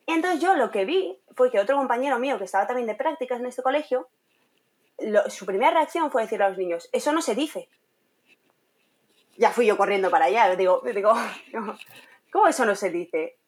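Lively young woman telling a story. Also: fairly high pitch, a little fast. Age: young adult. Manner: animated, acts out quoted voices, laughs often. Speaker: guest, content creator and trainee teacher. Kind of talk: casual interview storytelling.

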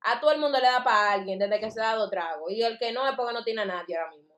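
A woman's voice: on the high side, very fast, fairly bright tone. A young adult woman in casual chat, speaking emphatically and with firm opinions.

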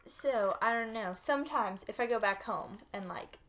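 A woman co-hosting a casual podcast. Her voice sits fairly high, and she talks loosely, with frequent laughter and "like" fillers. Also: normal speed, fairly bright tone, a little hiss or hum. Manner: laughs often, chatty with many "like" fillers. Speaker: podcast co-host. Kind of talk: casual chat.

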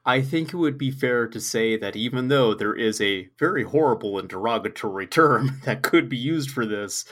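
A man at an ordinary middle pitch whose voice cracks slightly from being sick. He rambles loosely through a casual podcast chat, joking and swearing now and then. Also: expressive, normal speed, few pauses, fairly bright tone. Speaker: podcast co-host. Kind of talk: casual chat recapping an anime episode.

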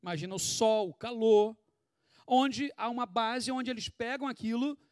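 A man with a Brazilian Portuguese accent preaching a sermon in a conversational, animated way, full of rhetorical questions, sweating as he speaks. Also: extremely high pitch, normal speed, smooth, dry recording, clean studio sound. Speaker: pastor.

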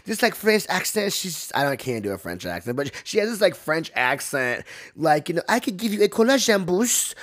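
On his podcast, a male host recaps a movie in a chatty, campy style, sprinkling in "like" and acting out characters' quotes in higher voices.

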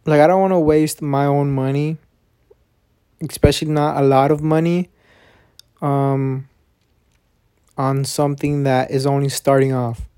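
A man's voice: on the high side, steady tone, a little slow, long pauses, warm tone, clear, resonant tone. A man hosting a podcast, recording on his phone under a blanket, talking in a rambling, frustrated way and swearing often. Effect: muffled, recorded under a blanket. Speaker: podcast host. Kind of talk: casual solo podcast chat.

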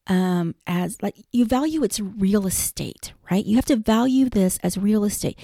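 A woman hosting a casual advice podcast, talking straight at her listeners. Her voice sits a little high, with a gravelly fry. She is blunt and profane, ranting freely. The sound is dry and close, with no room around it. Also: a little mellow, no echo. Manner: direct address to listeners. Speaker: podcast host.

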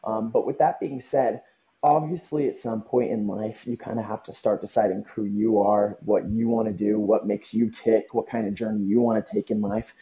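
A young man from Southern California speaks earnestly as a podcast guest, pausing on ums as he reflects. His voice is very dark and mellow. The recording sounds dull and lo-fi. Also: lowish voice, fairly even intonation. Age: young adult. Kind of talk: podcast interview. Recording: dull lo-fi audio.

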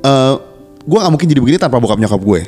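In a casual personal chat with listeners, this male podcast co-host uses slang and speaks earnestly and frankly, often starting words over. His mid-range voice is animated and darkish, he talks fast, and faint music sits behind him.

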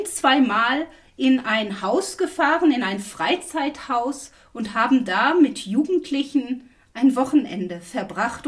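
A woman reading a gospel passage and giving a homily in a calm, reflective way. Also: sits high, far from the mic. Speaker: pastoral minister in a parish.

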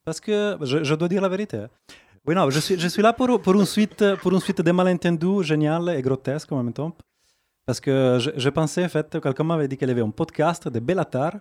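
A man's voice: a little high, a little mellow, dry recording. Man with an Italian accent. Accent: Italian, from Genoa. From Italy. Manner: halting, repeats words. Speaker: audience guest. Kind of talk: casual chat.

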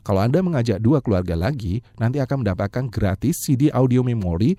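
A man giving an infomercial-style seminar pitch as a talk show guest, urging listeners and repeating details like a salesman. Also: animated, fast talker, dark tone, dry recording. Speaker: guest parenting seminar speaker.

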